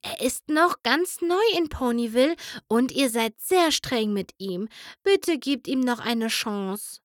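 A timid, gentle pony mare from a storybook, as a woman reader puts her on, speaking softly and pleading. The voice is high and slow. It sounds dry and close. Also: lively intonation, no room sound. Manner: soft, pleading. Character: gentle shy pony mare, soft-spoken.

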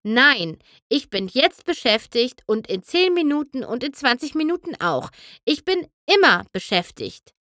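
A woman's voice: fairly high pitch, sing-song, unhurried, few pauses, pushed and bright, dry recording, clean studio sound, full character voice. Woman doing Twilight Sparkle, curt busy pony. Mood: snappish. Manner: curt, snappish, slightly raised voice. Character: busy, irritable young female pony. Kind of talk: storybook reading.

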